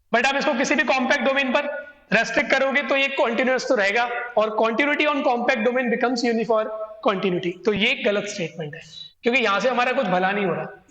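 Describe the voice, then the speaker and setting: A man's voice: very high voice, fairly bright tone, lo-fi sound. A man teaching a math exam solution lecture, explaining step by step and speaking directly to his students. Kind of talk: exam solution lecture, mixing Hindi and English. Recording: echoey room with long reverb.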